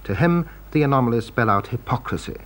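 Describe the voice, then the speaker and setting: A man's voice: mid-range voice, animated, fast. A man reporting in scripted documentary narration, in carefully written sentences. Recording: faint background noise, archive recording.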